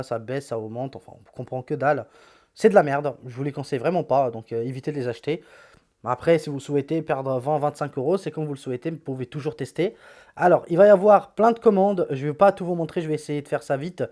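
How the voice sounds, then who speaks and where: A man's voice: on the high side, darkish tone. A tech YouTuber walking through the apps on his phone in a chatty, blunt, slangy way, often repeating words. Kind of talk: casual phone app walkthrough.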